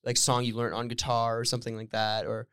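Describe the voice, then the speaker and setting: A man's voice: medium pitch, monotone, brisk, a bit bright, clean tone, dry recording. A man hosting a podcast interview, chatting casually and encouraging his guest with short affirmations, on a close mic. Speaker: podcast host.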